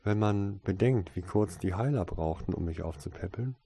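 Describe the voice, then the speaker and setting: Rika, a soft-voiced young woman, read by a man. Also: lowish voice, normal speed, gravelly, a little hiss or hum. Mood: tender. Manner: soft, tender and affectionate. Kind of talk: audiobook character voice.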